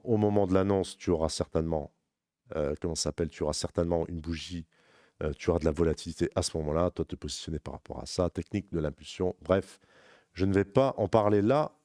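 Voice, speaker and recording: A man talking rapidly and informally as a crypto trading analyst, walking the viewer through charts in a rambling, self-correcting way. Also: deep voice, warm tone, no room sound, clean studio sound. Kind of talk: casual chart walkthrough addressing viewer as tu.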